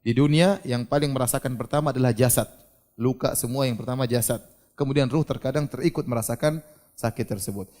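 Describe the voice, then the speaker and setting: A man giving a religious lecture, animated and questioning, who asks his audience questions and acts out scenes. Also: mid-range voice, a little fast. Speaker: preacher.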